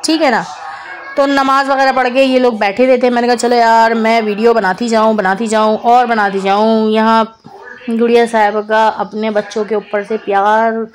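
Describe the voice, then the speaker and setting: A chatty woman talks over her home vlog footage as a mother. Her voice sits a little high, and she repeats herself in a fond, teasing way. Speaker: vlogger, mother. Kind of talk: casual voice-over narration.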